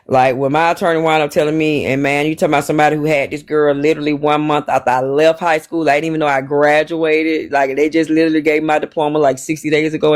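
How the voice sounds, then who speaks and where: A man, telling his story in casual chat and preaching about planning for money. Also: on the high side.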